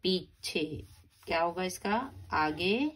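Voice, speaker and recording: A primary school teacher with a low, slightly bright voice takes her time teaching grammar to young children. She spells out words patiently, syllable by syllable, repeating and emphasizing every word.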